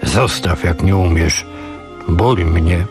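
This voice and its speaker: A man reading the lines of a stern, wounded old father who gives gruff commands in a storybook reading. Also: low-pitched, slow pace, music in the background, voice pushed down. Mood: grim.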